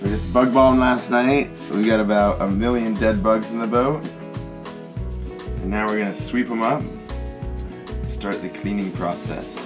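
A man's voice: on the low side, unhurried, pauses often. A man explaining a boat cleaning job in a matter-of-fact way, inside a boat cabin. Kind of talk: casual vlog commentary. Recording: music playing underneath.

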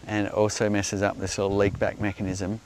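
A middle-aged Australian man explaining things off the cuff in a measured, halting way, recorded outdoors. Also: fairly low pitch, monotone. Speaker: beekeeper, presenter answering viewer questions. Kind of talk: unscripted explainer talk. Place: outdoors on an open grassy hillside. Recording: outdoor recording with loud background noise.

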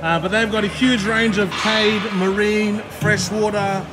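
Carrying a handheld gimbal camera, this man zips through the booths of an aquarium expo in a cheerful, talkative walkaround vlog. He speaks in a high-pitched, flat way over the chatter of a big, noisy indoor hall.

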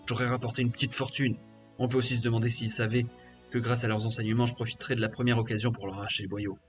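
A man's voice: medium pitch, little pitch movement, fast, close to an everyday voice. A man voicing a bitter, defiant male half-orc warrior mage who was once a slave, reading crude, scornful game dialogue aloud over faint game music.

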